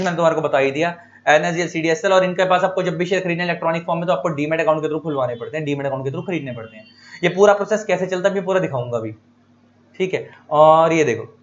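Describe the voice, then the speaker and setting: A man gives a rapid exam-prep lecture in a slightly high voice. He poses questions to his students and answers them himself, repeating the key terms. The audio is dull and lo-fi. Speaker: teacher.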